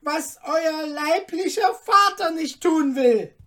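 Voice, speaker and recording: A woman doing a shrill, rasping stubborn merchant. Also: lively intonation, slow, fairly bright tone, full character voice. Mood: scornful. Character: gruff male merchant, rasping and unyielding.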